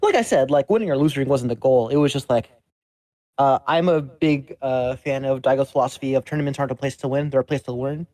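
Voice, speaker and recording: A man's voice: medium pitch, fast talker, a little mellow, no echo. A man in his thirties being interviewed as a game player, chatting casually in a practiced customer service voice. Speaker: competitive game player being interviewed after winning a tournament.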